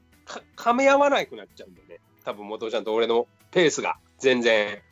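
A man co-hosting a casual comedy podcast, talking in a relaxed, reflective way. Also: medium pitch, fast, no echo, muffled recording, soft background music. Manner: relaxed, reflective, laughs along. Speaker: podcast co-host.

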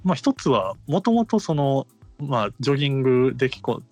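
A man's voice: medium pitch, sing-song, normal speed, dry recording, soft background music. A man with a Kansai accent talking casually and explaining things in a conversational way. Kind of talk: casual chat.

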